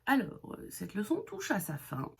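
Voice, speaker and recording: A woman's voice: mid-range voice, huge pitch swings, moderate pace, vocal fry, very noisy. A woman giving a humorous beginner English lesson in French, playful and jokey, with whispered asides. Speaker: English teacher.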